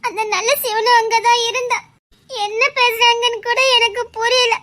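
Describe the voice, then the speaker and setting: A young wife with a Tirunelveli accent weeps and pleads in a web drama, her voice breaking, as a woman acts her out. Her voice sits very high, bright and sharp. Every line carries the sob of someone hurt. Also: fairly even intonation, unhurried, full character voice. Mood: tearful. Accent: Tirunelveli Tamil. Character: tearful young wife, hurt and feeling betrayed. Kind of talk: web series drama acting.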